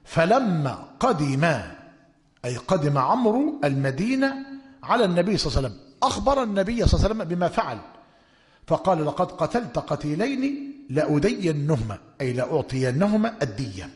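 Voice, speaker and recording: A man gives a religious history lesson in a slightly high voice that swings widely in pitch. He dictates to his students and punches his key points with emphatic exclamations. A long reverb trails each phrase, as in a large hall. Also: very animated, fairly quick. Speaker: religious teacher. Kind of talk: lecturing on prophetic history.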